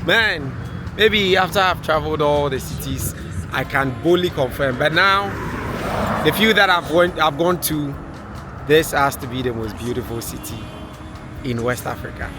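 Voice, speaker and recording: Male travel vlogger, Ghanaian accent, informal chat to camera with clear background music. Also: fairly high pitch, moderate pace. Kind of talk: casual vlog chat to viewers.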